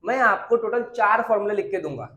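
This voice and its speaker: A man's voice: high-pitched, expressive, brisk, pushed and bright, highs cut off. A man teaching a commerce class at a whiteboard in Hindi mixed with terms. He asks his own questions and answers them, and repeats every key point. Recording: echoey room.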